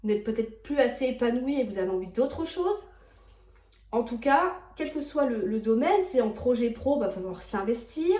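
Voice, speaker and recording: A woman's voice: fairly high pitch, animated, normal speed, dark tone, echoey room. A woman giving a chatty, reassuring tarot reading, often checking in with her listener. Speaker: tarot reader. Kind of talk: tarot card reading monologue.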